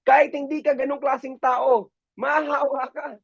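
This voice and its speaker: A man from the Philippines, a business mentor giving a lively motivational seminar talk and often addressing his audience as ma'am and sir. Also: extremely high pitch, normal speed, creaky, no room sound. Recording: dull lo-fi, dry sound.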